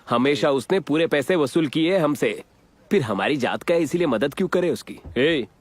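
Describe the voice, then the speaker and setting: A man's voice: a little high, lively intonation, moderate pace, no echo. An actor dubbing a bitter village man who speaks scornfully. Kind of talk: Hindi film dub.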